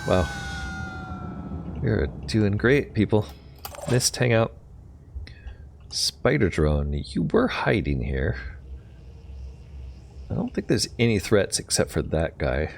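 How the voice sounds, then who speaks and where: A man's voice: lowish voice, wildly swooping pitch, slow pace, creaky, pauses often, a little hiss or hum. A man giving casual gameplay commentary, thinking aloud tentatively as he plays. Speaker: gamer narrating own play.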